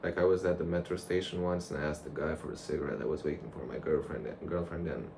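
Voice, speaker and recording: Young man, very deep voice, creaky, reflective casual vlog monologue, noisy recording. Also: fairly even intonation, fast. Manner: reflective, loose, conversational. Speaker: vlogger. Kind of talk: casual rambling monologue to camera. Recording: clear background noise.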